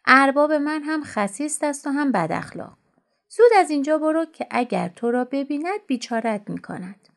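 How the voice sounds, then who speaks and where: A woman's voice: high-pitched, animated, creaky, pitched above the performer's own voice. A woman voicing a loyal, long-serving male servant who speaks in an earnest, pleading way.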